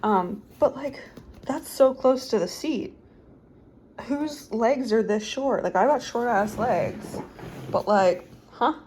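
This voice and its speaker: A woman's voice: on the high side, slow, a little mellow, a little hiss or hum. A young woman vlogging casually at home, rambling through a story with lots of "like" and restarts. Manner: rambling, filler-heavy storytelling with frequent "like". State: out of breath. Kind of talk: casual vlog chat. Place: home, basement apartment.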